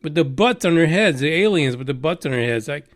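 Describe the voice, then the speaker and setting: Brisk, fairly high-pitched and lively in intonation, this Texas radio news host rambles through the stories, mocking them with lots of profanity and filler.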